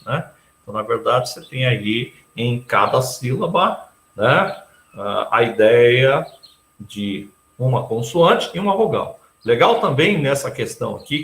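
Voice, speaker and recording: A man from Brazil delivers a recorded math lesson, working through exam problems one step at a time. His pitch moves a lot, and he keeps turning to the class with quick questioning tags. The room around him rings with a noticeable echo. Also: a bit bright. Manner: explains step by step, tags nearly every sentence with a questioning tag. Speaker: teacher. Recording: echoey room.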